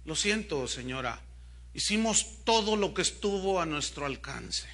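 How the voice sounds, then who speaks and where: A man voicing a solemn male surgeon who speaks slowly and formally. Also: on the high side, lively intonation, fairly bright tone, full character voice.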